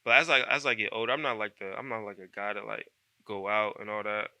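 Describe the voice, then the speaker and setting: Soft-spoken young college athlete. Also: male voice, fairly low pitch, quick pace, no room sound. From Columbus, Ohio. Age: 20s. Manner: soft-spoken, easygoing, filler-heavy. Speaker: college football player guest. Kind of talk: casual interview chat.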